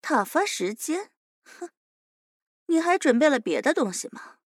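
A woman's voice: high voice, sing-song, measured pace, no room sound, clean studio sound. A woman voicing a fearless, smug young captive who teases her interrogator and calls herself big sister, in an audio drama.

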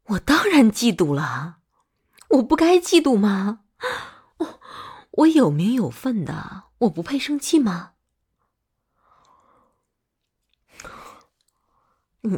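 A woman's voice: on the low side, darkish tone, full character voice. A woman voicing a hot-tempered but doting older girlfriend in whispered role-play. She swears freely and swings between scolding and coaxing. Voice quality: very breathy, husky.

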